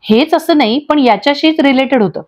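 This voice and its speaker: A woman voicing a young husband who insists calmly and firmly in a storybook recap. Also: high voice, brisk, natural voice. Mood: firm, soothing. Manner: soothing, then firm and insistent. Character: steady young husband calming his wife.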